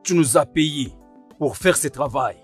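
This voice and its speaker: An actor in a French film dub playing a hired thug who gruffly assures his employer. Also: fairly high pitch, animated, a little slow, soft background music, full character voice. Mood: menacing. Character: hired male thug, loyal and menacing.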